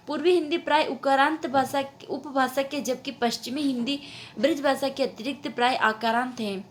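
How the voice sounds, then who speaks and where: Lady teacher reading out exam notes, high voice, slow and careful, says each example twice. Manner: slow, deliberate dictation with repeated example words. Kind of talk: exam-prep lecture.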